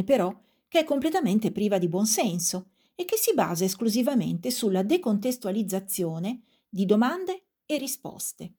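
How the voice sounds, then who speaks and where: Woman, scripted lesson narration, measured reading, mellow warm tone. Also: medium pitch, slightly rough.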